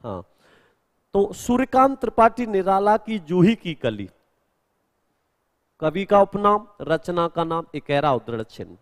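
A man's voice: high voice, big pitch swings, measured pace, pauses often, long reverb tail. A male Hindi grammar teacher in a live exam-prep class, explaining answers step by step and answering students' questions.

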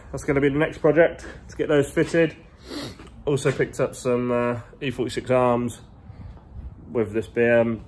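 A man's voice: mid-range voice, background noise. A man in his twenties chatting casually on a vlog while walking through a big garage workshop. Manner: chatty, rambling, slangy. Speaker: car vlogger. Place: large indoor garage workshop. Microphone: phone held at arm's length.

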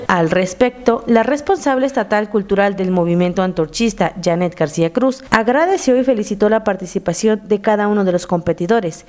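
A woman's voice: medium pitch, a little fast, few pauses, a little mellow. Female reporter, Mexican accent, mid-range voice, scripted news voice-over.

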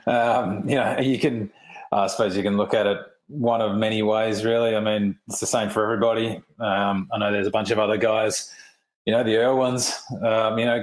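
Man, low voice, relaxed and rambling, echoey room, faint background noise. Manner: relaxed, full of fillers. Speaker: rider and journalist, interview guest. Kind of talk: casual interview answers.

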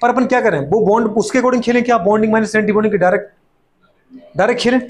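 A middle-aged man teaching chemistry to a class, firing off rhetorical questions and playfully scolding students, sometimes voicing their replies. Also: high-pitched. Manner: fast repeated catchphrases and rhetorical questions. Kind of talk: classroom lecture.

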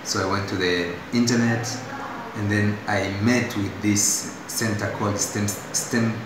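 A young Tanzanian man with a lowish, steady voice gives an unscripted patient testimonial, halting and hesitant with restarts and fillers. It was recorded on a phone in a very echoey hospital room with background noise.

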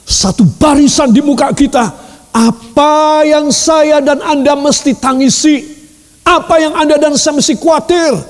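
A man preaching a sermon to his congregation, addressing them directly and dramatically, swinging from loud, high bursts to low, soft asides. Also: long reverb tail. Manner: keeps addressing the congregation directly, with English words mixed in. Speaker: pastor. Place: church service hall.

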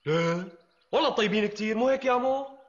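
A man's voice: high-pitched, expressive, quick pace, muffled recording. An actor in a Syrian TV drama playing a genial, affectionate family man at the dinner table, with a Damascene accent. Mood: easygoing.

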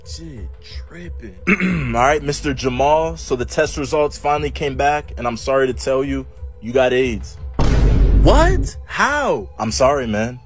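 A man voicing young guys who prank each other, with excitable, slangy banter, in an animated game skit. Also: medium pitch, lightly acted.

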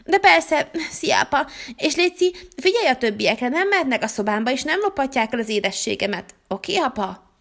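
A woman playing a shrill, bossy little girl. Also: big pitch swings, vocal fry, fairly bright tone, full character voice. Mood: demanding. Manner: demanding, quick to protest. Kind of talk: toy-figure family story.

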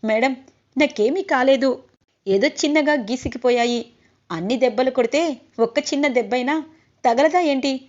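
A woman's voice: high-pitched, normal speed, pauses often, darkish tone, lightly acted. A woman reading the lines of a kind young male auto driver, polite and reassuring. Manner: reassuring, polite, calls her madam. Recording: slightly dull lo-fi audio.

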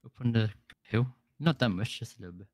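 A man chatting in a relaxed, offhand way while playing a game with a friend. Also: lowish voice, quick pace, dry recording. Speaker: streaming co-player. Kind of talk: casual chat while gaming.

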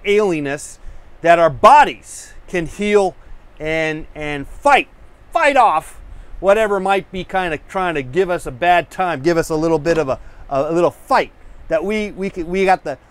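Male painting-show host, a touch high-pitched, casual and rambling, over-caffeinated, lots of restarts. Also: clear, resonant tone. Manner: rambling, full of fillers and restarts; self-searching, hunts for words. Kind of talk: rambling casual chat to camera.

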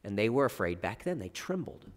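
A male pastor preaching a sermon, with expressive swings from loud emphasis to quiet, low asides. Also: brisk. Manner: expressive preaching with wide swings in pitch and loudness. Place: church sanctuary. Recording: long church reverb.

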